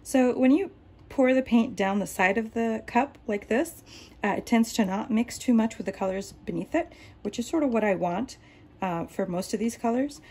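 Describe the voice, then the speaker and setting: A relaxed woman talks while she paints, hosting an art tutorial in her indoor home studio. Her first language is Arabic; her voice is fairly high with a breathy edge and normal speed, and she rambles with many ums and restarts.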